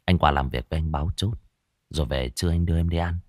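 A man voicing a calm young man who speaks softly and coaxingly to his frightened girlfriend. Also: a bass voice, moderate pace, slightly rough, dry recording, studio quality, pitched below the performer's own voice, heavily acted. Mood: soothing. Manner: soft, hushed, coaxing.

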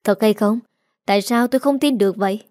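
A woman's voice: medium pitch, brisk, dark tone, dry recording, natural voice. Brief: woman reading as a resentful young husband out of jail, accusing tone, dry close read.

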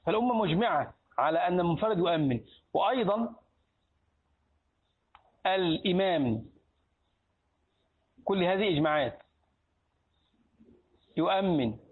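Egyptian sheikh, lively classroom teacher, husky higher voice, asks questions and answers them himself; phone-quality lo-fi sound. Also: male voice, moderate pace, pauses often. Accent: Egyptian Arabic. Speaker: sheikh teaching a hadith book. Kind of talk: Islamic lesson in a mosque. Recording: tinny lo-fi phone-like recording.

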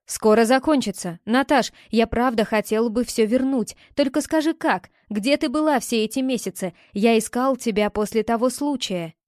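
Audiobook role: a woman voicing a young man, a pleading ex who turns curt, in a fairly high, dry-sounding voice. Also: normal speed, hardly any pauses, a little mellow, no room sound, natural voice. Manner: pleading, then curt and defensive. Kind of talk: audiobook character reading.

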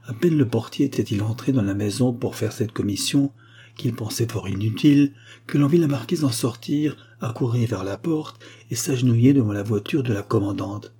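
A man narrating a classic novella in a measured audiobook reading. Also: medium pitch, warm tone, breathy edge. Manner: measured literary delivery.

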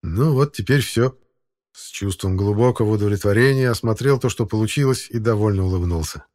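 A man narrating an audiobook in a steady, even storytelling manner. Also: lowish voice. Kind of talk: scripted narration.

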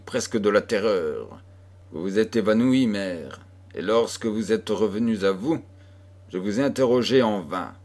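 An anxious, tender young daughter, pleading and fearful, heard in a storybook reading, voiced by a man in his own fairly low register. The delivery stays slow and unhurried rather than shrill. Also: darkish tone.

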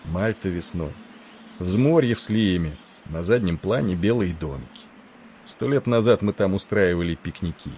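A man voicing a genial, wisecracking male ship's doctor with an Irish accent, talking with rough familiarity. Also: low voice, animated, normal speed, darkish tone, slight background noise. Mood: wistful.

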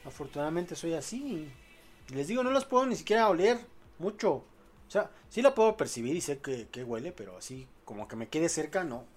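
A man's voice: on the high side, very animated, brisk. A young man with a Mexican accent hosting a late-night podcast, rambling with fillers and crude jokes. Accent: Mexican Spanish. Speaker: podcast host. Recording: faint music behind.

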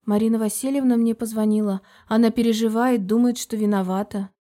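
A woman's voice: a little high, steady tone, a little fast, warm tone, close to an everyday voice. A woman voicing an anxious young female friend who speaks in a worried, hesitant way.

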